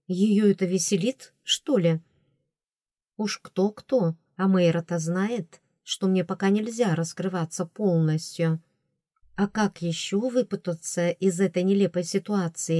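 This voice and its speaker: Woman reading an audiobook, mellow low voice, dry close sound, calm and a bit wry. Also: no echo. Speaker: audiobook narrator. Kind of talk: first-person audiobook narration.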